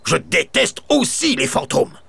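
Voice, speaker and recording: A man's voice: sits high, big pitch swings, unhurried, creaky, pushed and bright, slightly rough, no echo, pitched above the performer's own voice, exaggerated voice. A man voicing a grumpy, haughty little baron in a children's storybook. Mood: disdainful. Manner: haughty, curt.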